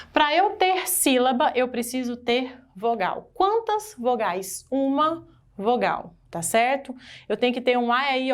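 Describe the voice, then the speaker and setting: Brazilian woman, exam-prep grammar teacher, animated and questioning, slightly high-pitched. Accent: Brazilian Portuguese. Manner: animated, asks the class questions and stresses key words.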